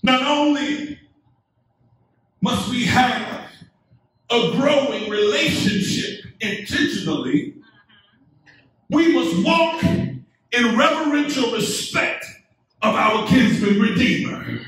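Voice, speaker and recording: Preaching unhurriedly in a medium-sized church sanctuary, a middle-aged pastor uses a voice that sits unusually high for a man and is a bit bright. He works up to emphatic high points meant to prompt call-and-response. The distant recording is heavily reverberant, like listening from the rear of the sanctuary.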